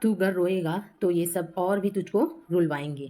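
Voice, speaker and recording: Explaining a poem line by line to her students, this woman speaks slowly and with inflection, repeating herself and frequently tossing in "hai na." Her voice is on the low side with a warm tone.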